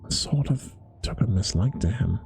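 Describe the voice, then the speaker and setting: A man voicing a gruff old zookeeper with a London working-class accent, in a bedtime-story ASMR reading. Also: fairly low pitch, expressive, darkish tone, a little hiss or hum. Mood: grumbling. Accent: London working-class (put on). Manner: rough dialect, slow folksy telling. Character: gruff old male zookeeper, grumbling, blunt.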